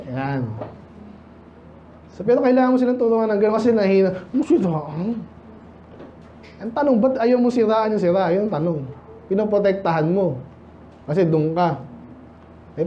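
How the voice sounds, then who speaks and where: A pastor from the Philippines giving a conversational sermon, asking many rhetorical questions and reading Bible verses slowly in English. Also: male voice, sits high, muffled recording, slight background noise.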